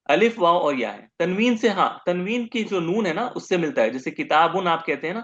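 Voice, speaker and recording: A man's voice: high voice, lively intonation, normal speed, a bit bright, muffled recording. A man teaching Arabic grammar in a recorded lecture, explaining patiently and drawing out sounds when he demonstrates them.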